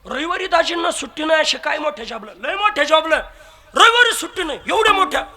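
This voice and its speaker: A man's voice: extremely high pitch, lively intonation, fast talker, bright, forceful tone, pitched above the performer's own voice, heavily acted. A man putting on a nosy, boastful village woman visiting a relative, bickering in a raised voice during a sermon story. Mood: needling.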